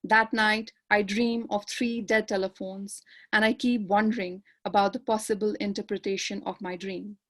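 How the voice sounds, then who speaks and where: A woman from Kashmir, reading her poetry aloud in a measured, lyrical way on a panel discussion held over a video call. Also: medium pitch, level tone, fairly bright tone. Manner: measured, lyrical recitation with repeated refrains. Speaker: poet and panelist.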